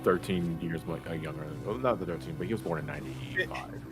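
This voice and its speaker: A man's voice: sits low, fast, over music. A man rambling and swearing in casual chat on a gaming stream. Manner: rambling, swears, laughs a lot.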